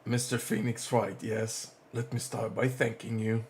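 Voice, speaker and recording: A man voicing a mysterious kidnapper who speaks on the phone through a voice changer, slow, cold and menacing. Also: medium pitch, flat delivery, darkish tone, slight background noise.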